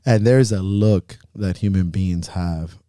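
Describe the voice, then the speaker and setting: A man's voice: low voice, slow, dark tone, no echo, clean studio sound. A man hosting a podcast as a coach, talking in a frank, reflective way and swearing freely. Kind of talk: casual podcast chat.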